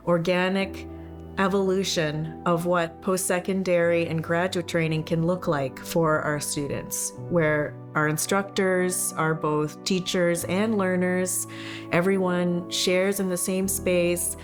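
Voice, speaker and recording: Lower-voiced woman speaking reflectively. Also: fairly even intonation, measured pace. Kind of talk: reflective interview talk. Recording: faint music behind.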